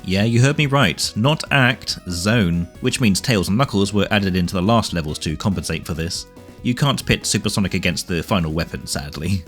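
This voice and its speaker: Wry, lively man, lowish voice. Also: moderate pace. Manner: wry, dry asides. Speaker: video game reviewer and narrator. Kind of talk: scripted retrospective narration. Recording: music behind the voice. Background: background music.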